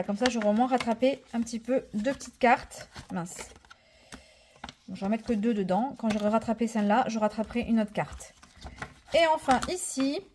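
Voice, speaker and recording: A woman in her thirties chatting casually through a budgeting vlog, full of fillers, enthusiastic and counting money out loud. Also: on the high side, a little hiss or hum. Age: 30s. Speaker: budget vlogger.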